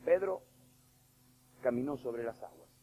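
A male preacher delivers a sermon in a mellow, relaxed-toned voice of middling pitch. He is emphatic, dropping to a hush and then rising to loud, pressing points with direct questions to the congregation. A faint hiss sits under the recording. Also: brisk, low-quality recording. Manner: swings between hushed and loud.

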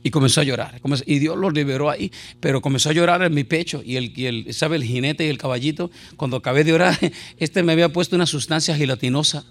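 Gravelly-voiced joking preacher man. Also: on the high side, fast. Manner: animated, jokey, shouts and laughs at times. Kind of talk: lively sermon with jokes and anecdotes.

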